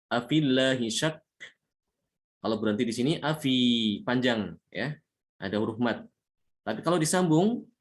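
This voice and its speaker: A man teaching a tajwid lesson, explaining patiently, repeating points and slowly chanting Arabic examples. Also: medium pitch. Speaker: Quran recitation teacher.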